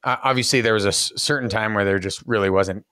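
A male podcast host with a fairly low voice asks long, meandering questions into a boom-mounted studio mic. His sound is dry and close, with no room echo. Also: fast talker, bright, forceful tone, clear, resonant tone. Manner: long rambling questions with fillers. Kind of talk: casual interview. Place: home room with bookshelf. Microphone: podcast mic on boom arm, headphones.

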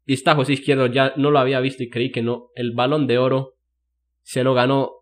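A man doing excited, jokey play-by-play commentary over his own video game match, with emotional exclamations. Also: medium pitch, brisk. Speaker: gaming commentator.

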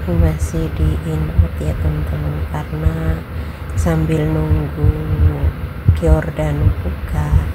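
A woman's voice: low-pitched, monotone, slow, pauses often. A woman from Indonesia chatting casually to her viewers as she vlogs while shopping in a busy mall, filmed on a handheld phone. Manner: chatty, addresses viewers as friends. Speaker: vlogger. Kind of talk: casual vlog narration. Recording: loud mall background noise.

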